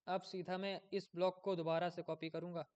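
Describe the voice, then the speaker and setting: A man's voice: high-pitched, little pitch movement, a little fast, darkish tone, dull audio. A man giving a casual coding tutorial, thinking aloud as he works, often losing his place and checking in with viewers.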